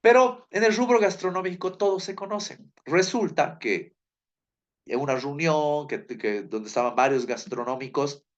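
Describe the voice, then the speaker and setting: A man's voice: a little high, expressive, moderate pace, highs cut off. A man giving a classroom lecture, telling a story and acting out the people in it, repeating his key points. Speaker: teacher.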